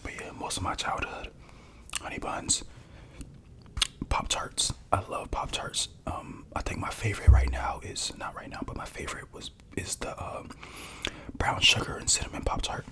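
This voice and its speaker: A young adult whispering casual stories at home while eating snacks into a close mic for an ASMR video. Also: normal speed. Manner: soft rambling whisper with crunching and chewing sounds.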